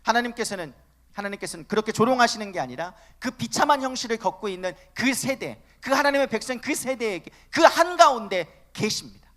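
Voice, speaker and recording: A man's voice: extremely high pitch, lively intonation, a little fast, a bit bright. A man preaching a sermon to a youth congregation, emphatic and asking his listeners rhetorical questions.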